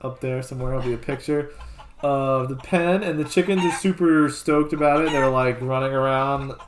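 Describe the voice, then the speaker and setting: A man of middle pitch chatting loosely in a home vlog. He rambles, stacks up filler words and keeps circling back to his point. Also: normal speed, background noise. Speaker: co-host. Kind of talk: casual chat.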